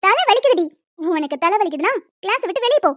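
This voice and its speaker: A woman's voice: very high-pitched, sing-song, fast, a bit bright, dry recording, heavily acted. A woman voicing quarrelsome young female college students in a cartoon, bickering and teasing. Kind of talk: cartoon voice acting. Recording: dull lo-fi dry sound.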